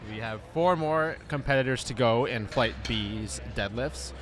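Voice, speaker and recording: A man's voice: medium pitch, a little slow. A man giving upbeat live commentary at a powerlifting meet, laughing easily and hyping up each lifter. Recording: loud crowd in venue.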